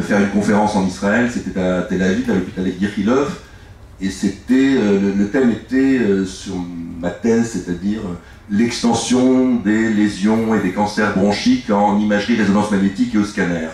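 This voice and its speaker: A man's voice: on the low side, far from the mic, a little hiss or hum. A middle-aged man, an author and native French speaker, giving long rambling answers full of restarts at a live book talk. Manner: rambling, halting, many restarts. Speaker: author guest. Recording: echoey room, from afar, faint ambience.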